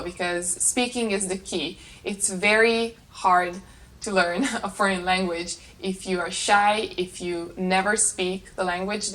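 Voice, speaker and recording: A bright-voiced Hungarian woman in her late twenties, pitched mid-range, hosts her own vlog channel. She talks casually to camera, answering tag questions from a small carpeted bedroom at home.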